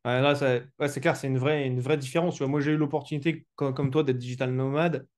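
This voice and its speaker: A man from France hosts a podcast interview in a relaxed, slangy way. He stammers and restarts his phrases often. His pitch sits in the middle of the usual range for a man. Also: fast. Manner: casual, colloquial, stammering restarts. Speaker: podcast host.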